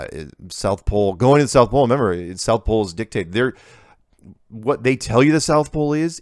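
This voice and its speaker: A low-voiced middle-aged man with a gravelly edge works through viewer emails and comments on them in a relaxed, offhand way. The recording is dry and close, with almost no room sound. He sounds like a regular host chatting to his audience. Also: no room sound. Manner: easygoing, reads letters aloud and comments offhand.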